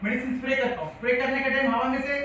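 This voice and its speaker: High-voiced man lecturing in an echoey hall. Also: fairly even intonation, very fast, crowd noise. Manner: repetitive, quizzes the audience. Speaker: health lecturer. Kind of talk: classroom-style lecture. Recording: echoey hall from far off, faint hiss.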